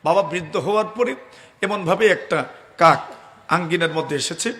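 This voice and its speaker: A male Islamic preacher giving a waz sermon. He chants Quranic verses in a slow melody and keeps asking the crowd rhetorical questions. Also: a little high. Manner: asks the audience rhetorical questions; swells to loud emphatic peaks, then drops to soft storytelling.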